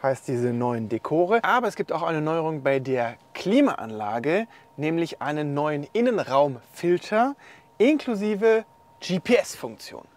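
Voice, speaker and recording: A man presenting a car's rear seats from inside the car, explaining features in a relaxed way. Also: a little high, takes it slowly. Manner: relaxed, explanatory, pointing things out. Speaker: car reviewer. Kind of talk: casual car walkthrough.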